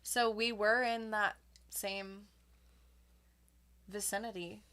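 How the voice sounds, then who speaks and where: A young woman in casual podcast chat with her co-host, telling stories in an animated way and laughing often. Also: mid-range voice, slow pace, clear, resonant tone.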